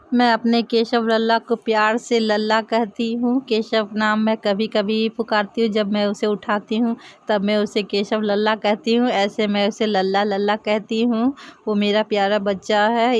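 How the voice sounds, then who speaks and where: A gentle woman with a flat, even, mid-range voice speaks softly and affectionately to the idols as if they were babies. A devotional home vlogger, she calmly demonstrates a ritual step by step in her indoor home puja area, and the recording is dry.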